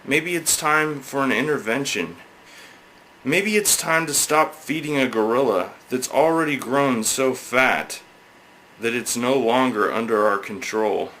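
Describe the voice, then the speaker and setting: A man's voice: medium pitch, unhurried, fairly bright tone, a little hiss or hum, low-quality recording. A man giving a hammy, theatrical dramatic reading of a scripted satirical essay, leaning on words for emphasis.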